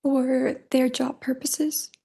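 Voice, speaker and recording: High, creaky young woman testifying in courtroom. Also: flat delivery, slow pace, dark tone. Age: young adult. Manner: brief, plain, reserved answers.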